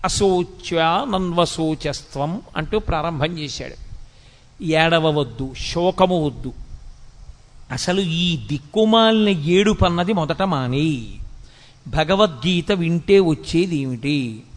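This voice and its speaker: A man giving a spiritual discourse, chanting verses slowly and scolding in rapid rhetorical questions. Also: on the high side, expressive. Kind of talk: Telugu religious discourse. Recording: long hall reverb.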